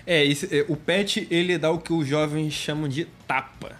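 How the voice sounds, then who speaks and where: Brazilian man, co-host, football banter, high voice, wry jokes. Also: steady tone, moderate pace, a bit bright. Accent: Brazilian Portuguese. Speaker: podcast co-host. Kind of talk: casual football chat.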